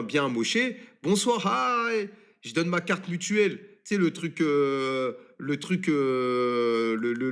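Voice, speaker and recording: Young man, high voice, streamer, animated, crude, swearing, live-stream storytelling. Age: 20s.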